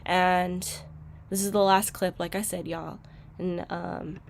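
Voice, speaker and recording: A woman hosting a casual reaction video, talking reflectively with many fillers and growing loud and emphatic when frustrated. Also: lowish voice, level tone, slow pace, vocal fry, a little hiss or hum.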